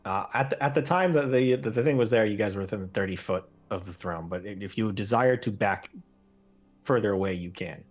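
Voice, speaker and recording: A man with a low, husky voice narrates a tabletop game as game master, calm and unhurried, often pausing to think. The recording sounds muffled and lo-fi. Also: soft background music. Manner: relaxed, thinking aloud with fillers.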